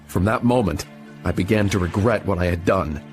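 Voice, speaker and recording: A man narrating an adventure storybook in an expressive reading style. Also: low voice, moderate pace, faint music behind.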